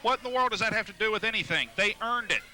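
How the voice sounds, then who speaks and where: A man's voice: high-pitched, racing. A man calling live wrestling play-by-play in emphatic, clipped phrases over arena noise. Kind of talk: live sports commentary. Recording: noisy live wrestling event.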